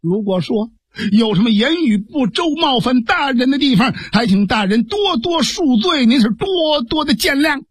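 A man's voice: very high-pitched, expressive, moderate pace, husky, no echo, clean studio sound, exaggerated voice. A male storyteller voicing a shrewd, urgent male officer pleading with his lord. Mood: earnest pleading. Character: shrewd, fast-talking male sworn brother officer. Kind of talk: Chinese storytelling performance.

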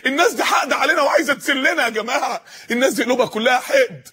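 A man preaching a passionate sermon with an Egyptian accent, swinging from storytelling to shouted appeals. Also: very high voice, rapid-fire, a little hiss or hum. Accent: Egyptian Arabic. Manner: impassioned, rising to shouts, acts out quoted voices.

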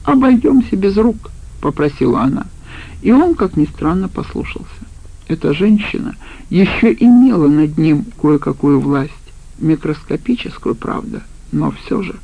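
A woman narrating a crime audiobook in a steady, expressive reading. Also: low-pitched, moderate pace, creaky, muffled recording.

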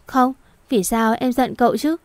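Timid young maid girl, a woman putting her on, high voice, polite and anxious. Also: a little slow, no room sound. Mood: meek. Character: timid devoted young female servant girl.

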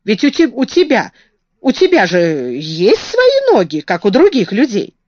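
Woman voicing a gentle, cheerful boy. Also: sits high, wildly swooping pitch, a little slow, no room sound, dull audio, voice pushed up, heavily acted. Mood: reassuring. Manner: gentle, reassuring. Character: kind cheerful country boy.

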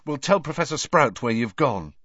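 A man voicing a steady teenage boy wizard who speaks urgently. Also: mid-range voice, moderate pace, breathy edge, no echo, lo-fi sound, pitched above the performer's own voice.

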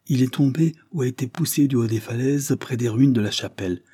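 A man's voice: medium pitch, a little fast, mellow, breathy edge, no room sound, studio quality, voice pushed up, lightly acted. A man voicing a middle-aged doctor in a Victorian audiobook, firm and pressing. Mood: grave. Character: grave, urgent middle-aged male doctor.

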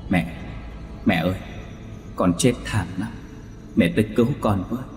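A man's voice: lowish voice, normal speed, darkish tone, echoey room, in a large hall, faint music behind, natural voice. A man voicing a mournful young male ghost pleading for his mother in a ghost story. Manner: pleading, wailing.

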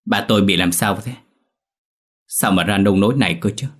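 A man's voice: lowish voice, brisk, a bit bright. A man voicing a grown son who begs and wails in despair in a spoken ghost story. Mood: urgent. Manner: pleading, wailing. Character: grown son, distraught, begging his father.

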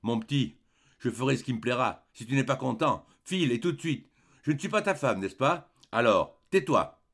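A man voicing a sharp-tongued young woman who fires back quick, shrill, sneering retorts in a read-aloud story. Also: expressive. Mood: cold, scornful.

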